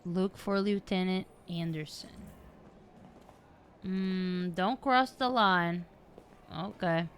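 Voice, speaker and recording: Unhurried woman streamer thinking aloud. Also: lowish voice, a little hiss or hum. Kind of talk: casual gameplay commentary.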